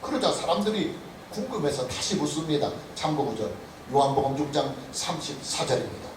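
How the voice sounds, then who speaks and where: A male pastor delivering an expository sermon, with sharp rises and drops in emphasis. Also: on the high side, expressive, a little fast. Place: church sanctuary. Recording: echoey church hall, speaker far from the mic, light background noise.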